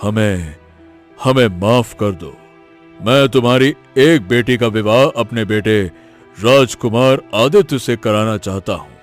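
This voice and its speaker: A man's voice: lowish voice, takes it slowly, faint music behind. An actor playing a dignified older king who speaks formally and with remorse. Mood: regal. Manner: regal, formal apology.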